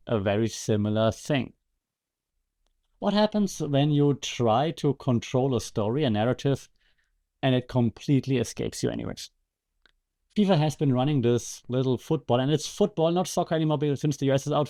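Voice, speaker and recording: A podcast host who also lectures on media offers casual, conversational commentary laced with wry, sarcastic asides. His mid-range voice has a warm tone.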